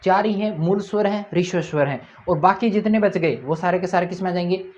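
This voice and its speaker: A man's voice: high voice, a little fast, a little mellow, lo-fi sound. Male teacher who quizzes and answers himself. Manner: asks and answers his own questions, repeats points. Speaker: Hindi grammar teacher. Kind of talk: classroom lesson at a board.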